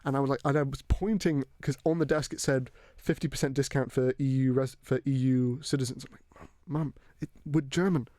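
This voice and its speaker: A young man from Hong Kong hosting a casual podcast chat, telling animated stories and acting out the people he quotes. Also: mid-range voice, a little fast, few pauses, dry recording, studio quality. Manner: animated storyteller, acts out quoted voices. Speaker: podcast host.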